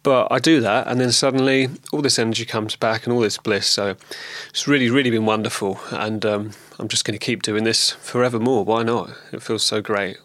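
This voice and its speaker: A man with a lingering cold talks in a relaxed, rambling way, full of ums and restarts, as in a personal video diary. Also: lowish voice, brisk, hardly any pauses. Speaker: vlogger.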